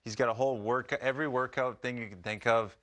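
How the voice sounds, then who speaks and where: A man's voice: medium pitch, steady tone, quick pace, a bit bright. A man co-hosting, a former player, who jokes and tells stories, acting out quotes. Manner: joking, storytelling, acts out quotes. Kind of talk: casual chat.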